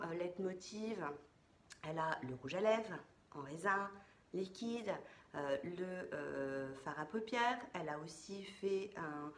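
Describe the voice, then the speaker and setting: A woman's voice: medium pitch, a bit bright. Chatty girl doing a makeup haul vlog, lots of euh and restarts, faint hiss behind. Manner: chatty, many fillers and restarts, playful asides. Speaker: beauty vlogger.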